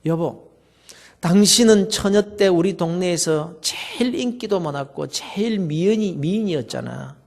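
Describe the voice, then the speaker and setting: A male preacher voicing an aging pastor-father who speaks softly and remorsefully to his wife and children. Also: sits high, big pitch swings, unhurried, gravelly, voice pushed down, exaggerated voice. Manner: soft, subdued, remorseful.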